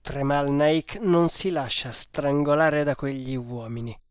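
Brief: male narrator as a proud grieving hunter, forceful, slightly high voice. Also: steady tone, unhurried, clear, resonant tone, no echo, studio quality, close to an everyday voice. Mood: stern. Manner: despairing, forceful.

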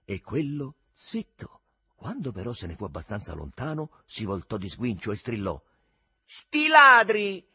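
A middle-aged man reading a novel aloud in an expressive storytelling manner, recorded close. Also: fairly low pitch, moderate pace, slightly rough, dry recording. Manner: expressive, acts out the dialogue. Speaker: narrator.

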